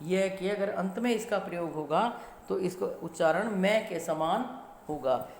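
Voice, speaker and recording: Woman schoolteacher, steady classroom lesson delivery, very slow pace, echoey room. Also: lowish voice, slight background noise. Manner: slow, deliberate, spells out sounds syllable by syllable. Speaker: school Hindi teacher. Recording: echoey room with long reverb.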